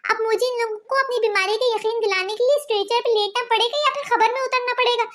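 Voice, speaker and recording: A woman playing a young married woman who complains sharply and quick-wittedly, in a comedy skit. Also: very high voice, fairly even intonation, a bit bright. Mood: indignant.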